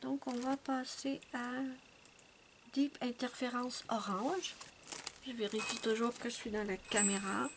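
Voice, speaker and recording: Swatching art supplies at home with her cat nearby, the art channel host talks casually to her audience, thinking out loud and filling gaps with fillers. Her slightly high voice stays steady and unhurried against a noisy background.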